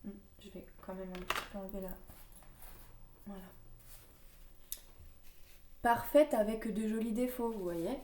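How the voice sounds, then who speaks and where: A woman reading oracle cards aloud, with gentle, musing asides and fillers between readings. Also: mid-range voice, unhurried, pauses often, slight background noise. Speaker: card reader. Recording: echoey room, voice from a distance.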